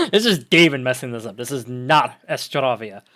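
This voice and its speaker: A man leading a tabletop game, chatting casually and laughing at his own slips. His voice is bright and lively in pitch. The sound is dry and close. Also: moderate pace, no echo. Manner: laughs often, self-deprecating. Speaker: game master.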